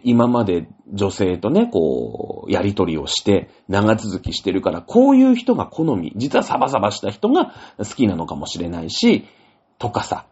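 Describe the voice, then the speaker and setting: Male host, hugely animated pitch, husky tone, lo-fi audio. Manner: rambling, animated storytelling with many fillers. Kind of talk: casual solo talk. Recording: dull lo-fi audio.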